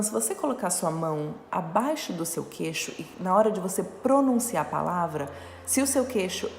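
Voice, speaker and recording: Low, gravelly woman teaching in an echoey room. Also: a little hiss or hum. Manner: explanatory, frequent "ok?" and "né?" check-ins. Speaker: English teacher. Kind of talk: online English lesson. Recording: echoey room with long reverb.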